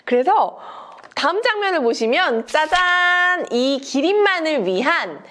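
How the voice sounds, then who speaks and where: A woman teacher giving a lecture to other teachers, walking them through a picture book with animated, expressive storytelling. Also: high-pitched, measured pace.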